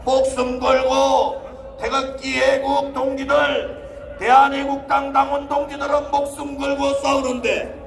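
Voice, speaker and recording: A man giving a roaring, rallying political speech, shouting exhortations and drawn-out slogans to rouse supporters. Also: extremely high pitch, monotone, gravelly, distant mic. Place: large outdoor rally, heard over loudspeakers. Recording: echoey outdoor PA from afar, crowd noise.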